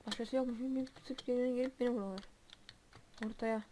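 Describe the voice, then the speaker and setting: A woman's voice: fairly high pitch, steady tone, fast, mellow. A woman commenting on her own gameplay, grumbling and exclaiming in frustration. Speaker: gamer. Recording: noisy home mic with keyboard clicks. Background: keyboard clicks.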